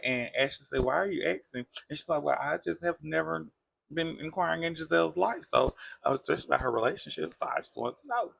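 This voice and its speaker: A man's voice: mid-range voice, vocal fry, no echo. A man casually recapping a reality TV episode, chatty and gossipy, acting out the cast's lines as he retells them. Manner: chatty, animated retelling with quoted voices.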